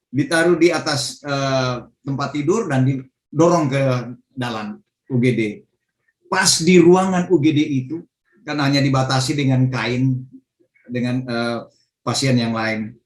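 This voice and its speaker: A man's voice: mid-range voice, a little slow, roomy sound. A middle-aged male pastor, giving an emotional testimony sermon with fervent exclamations over a video call.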